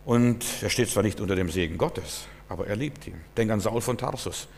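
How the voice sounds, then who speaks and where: A man's voice: on the low side, moderate pace, gravelly, a little mellow, a little hiss or hum. A man preaching a sermon in German, earnest and repetitive, speaking straight to the listener. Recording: long reverb, hall.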